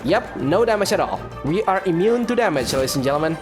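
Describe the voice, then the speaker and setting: A man's voice: on the high side, big pitch swings, fast. A man giving casual, reactive commentary while playing a game, with game music behind. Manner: chatty, reactive, groans and laughs at the game. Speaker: gaming youtuber.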